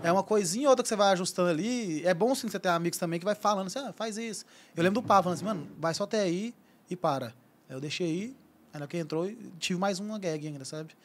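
A man's voice: sits high, rapid-fire. A male comedian on a podcast, chatting casually and retelling his jokes with quoted lines.

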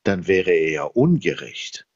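A man's voice: deep voice, sing-song, unhurried, dull audio, noisy background. A man debating religion in a heated online voice chat, insistent and arguing with examples. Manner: argues with courtroom examples, insistent.

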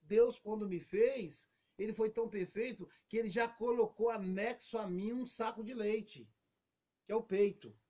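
A man's voice: high voice, moderate pace, dark tone. A man voicing a newborn baby boy's thoughts, puzzled and curious, in a naive wondering tone.

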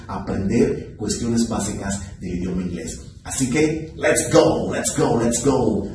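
A man's voice: on the low side, a little mellow, a little hiss or hum. A man introducing himself as a language teacher and presenting the lesson in an encouraging way. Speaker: English teacher. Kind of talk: tutorial introduction. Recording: echoey, distant room recording.

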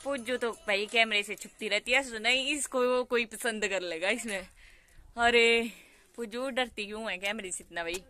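Holding her phone at arm's length on a hillside, a giggly, teasing young adult woman with a Pahari accent from Himachal Pradesh, India, chats directly to viewers in a casual vlog. Her slightly high voice is pushed and bright at normal speed, with no echo and faint music in the background.

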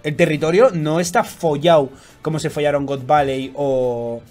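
A man with a Spain Spanish accent, giving excited reaction commentary with loud exclamations and swearing. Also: on the high side, moderate pace. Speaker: YouTuber reacting to a manga chapter.

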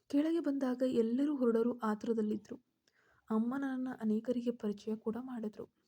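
Female storyteller, dark mellow tone, pitched a bit high. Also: fairly even intonation, moderate pace, breathy edge. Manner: voices the characters' quoted lines herself. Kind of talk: first-person story narration.

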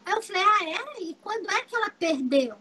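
A Brazilian woman, a family constellation therapist, teaching through lively stories and repeating phrases for emphasis. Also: very high-pitched, a little fast, rough recording. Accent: Brazilian Portuguese. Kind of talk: teaching talk with anecdotes.

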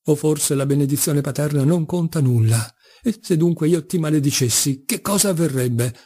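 A man's voice: fairly high pitch, normal speed, mellow, breathy edge. A man reading an audiobook, voicing an older scheming, buffoonish father who whines and plays the wounded victim. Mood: aggrieved. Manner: theatrical, whining, mock-pleading. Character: old buffoonish scheming father, shrill and wheedling.

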